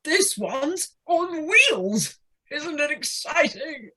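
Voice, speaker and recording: A woman playing an excitable, spoilt gentleman toad in an amateur audio play, gushing and whooping in a husky voice. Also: sits high, exaggerated voice. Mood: boastful glee. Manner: gushing, whooping, drawn-out exclamations.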